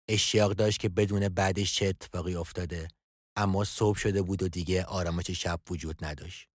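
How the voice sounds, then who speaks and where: A man narrating a scripted audio drama in a calm storytelling delivery. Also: low-pitched, no room sound. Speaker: narrator and writer of a podcast drama. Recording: dry studio voice with soft music.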